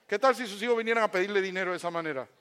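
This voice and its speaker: Impassioned high-voiced male preacher. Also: rapid-fire, clean tone. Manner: impassioned, swings from loud to hushed; addresses congregation with rhetorical questions. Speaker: pastor. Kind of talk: sermon.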